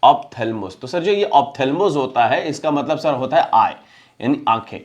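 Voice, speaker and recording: Indian guy teaching vocab, asks then answers himself, says each word slow. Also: medium pitch, animated, lo-fi sound. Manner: asks and answers his own questions, repeating each word slowly. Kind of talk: classroom-style lesson.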